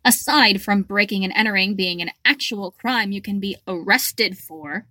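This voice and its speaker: A woman's voice: mid-range voice, normal speed, pushed and bright, no room sound, studio quality. A woman voicing a fiery, scolding young heroine. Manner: indignant, scolding. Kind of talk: audiobook fan fiction reading.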